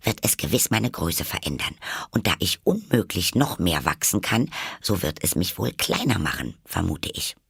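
A curious, sensible little storybook girl, voiced by a man who talks to herself half under the breath. She thinks things through aloud in a low, gravelly tone. The voice is dry and husky. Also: very animated, normal speed, a bit bright, dry recording, full character voice. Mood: musing.

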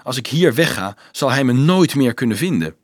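A man's voice: medium pitch, animated, moderate pace, no echo, lightly acted. A troubled young hero in a read-aloud storybook, urgent and anxious, his voice rising and falling widely, as a male narrator puts him on. The sound is dry and close. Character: anxious young man searching for his father.

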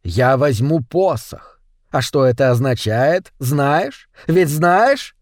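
A man's voice: medium pitch, expressive, takes it slowly, dry recording, clean studio sound. A man playing a cruel, short bullying master who barks and sneers at his servant. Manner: barking, sneering and mocking.

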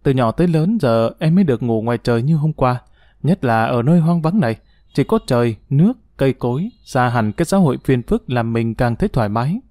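A man voicing a tender, playful young woman in an audiobook romance, speaking softly and teasingly. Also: medium pitch, animated, a little fast, dry recording, studio quality, lightly acted.

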